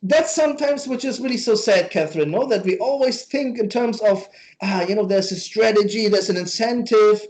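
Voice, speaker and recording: A man with a notably high-pitched voice hosts a podcast, speaking earnestly and emphatically. He often turns his points into questions for his guest. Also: normal speed, darkish tone, poor audio. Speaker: podcast host. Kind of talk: casual interview chat.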